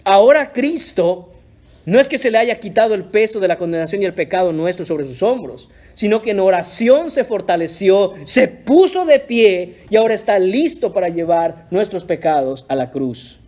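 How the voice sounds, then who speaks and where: A man's voice: high-pitched, animated, normal speed, a little mellow. A pastor preaching a sermon in an earnest, emphatic way, often addressing his listeners as brothers. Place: church.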